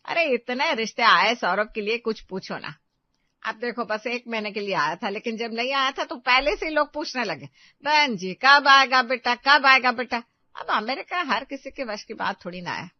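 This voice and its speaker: A woman's voice: on the high side, animated, normal speed, long pauses, dry recording, natural voice. A woman voicing a boastful, scolding mother-in-law. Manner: bragging, scolding. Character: boastful, sharp-tongued middle-aged mother-in-law. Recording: dry, slightly dull lo-fi audio.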